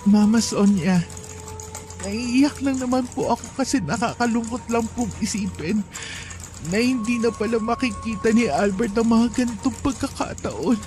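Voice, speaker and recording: A man's voice: very high voice, normal speed, over music, pitched above the performer's own voice. A man voicing a young pregnant widow who speaks in a tearful, pleading way.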